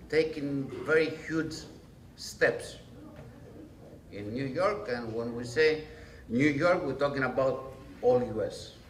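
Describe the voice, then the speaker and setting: Slow-talking Greek-born chef addressing a room. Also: male voice, mid-range voice, fairly bright tone. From Greece. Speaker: chef panelist. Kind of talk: panel talk at a trade event. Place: large restaurant function room. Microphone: table mic on a stand, camera at a distance. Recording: roomy, distant, faint room noise.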